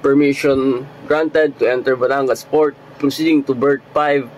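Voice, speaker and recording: A man speaking as a ship's officer in a formal marine radio exchange, deliberately spelling out numbers digit by digit. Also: medium pitch, fairly even intonation, darkish tone, slight background noise, rough recording.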